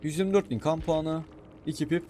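Excitable man commentating his game. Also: fairly high pitch, a little fast, a little hiss or hum. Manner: excitable, shouts and talks to himself while playing. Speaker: gaming streamer. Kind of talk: casual gameplay commentary.

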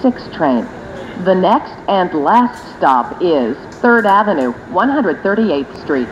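Female announcer, spliced recorded words, lively pitch, muffled speaker over loud train rumble. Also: slow pace. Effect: spliced-together prerecorded words. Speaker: transit announcer. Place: inside a moving subway car.

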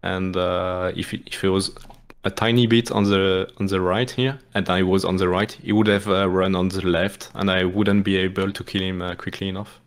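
Explaining a speedrun live, this French-accented man from France speaks in a deep voice with fairly even intonation at a moderate pace. He's hesitant and apologetic, with many restarts and filler words.

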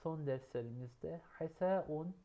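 A woman teaching an online Arabic course, patiently repeating examples and slowing down to pronounce each word. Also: sits low, dark tone. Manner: patient, repeats examples, often addresses listeners as friends; slows down to pronounce Arabic words. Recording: dull lo-fi recording.

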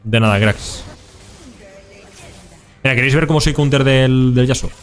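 A man's voice: mid-range voice, moderate pace, faint music behind. A young man with a Spain Spanish accent, commenting casually on his gameplay and chatting with viewers in slang. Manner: casual and slangy, talks to chat. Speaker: streamer.

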